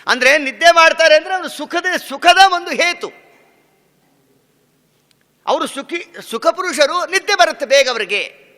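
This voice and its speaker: A man's voice: very high-pitched, lively intonation, moderate pace, pauses often, sharp tone, long reverb tail. A man giving a devotional discourse as a swami, telling a story by asking questions and answering them, and breaking into song. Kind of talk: devotional discourse with sung verses.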